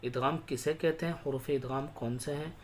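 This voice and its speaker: A man teaching Quran reading. He explains the rules briskly, then chants each verse slowly, syllable by syllable. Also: medium pitch, steady tone, slight background noise.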